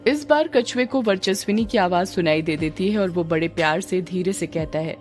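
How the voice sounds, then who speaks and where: Female narrator for a story reading, steady and dramatic, soft music bed. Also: lowish voice, normal speed.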